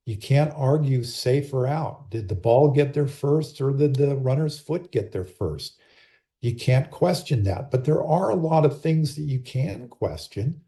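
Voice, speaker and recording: A man with a very dark, mellow voice explains umpiring rules to managers and coaches in a steady, patient tone. He speaks over a laptop microphone on a video call and now and then acts out how a coach and an umpire might talk. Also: mid-range voice. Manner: calm, explanatory, acts out sample dialogue. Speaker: umpire and rules clinic presenter. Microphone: computer or laptop mic on a video call.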